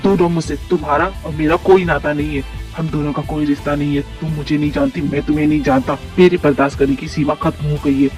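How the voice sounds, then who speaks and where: This is a voice actor playing a young man worn down by being forgotten, swinging between cold dismissal and raw pleading. The voice sits at an ordinary pitch and sounds distant from the mic. Soft music plays under him in this fan-made audio drama. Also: flat delivery, quick pace, few pauses, close to an everyday voice. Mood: anguished. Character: young man, wounded and bitter, then tender lover.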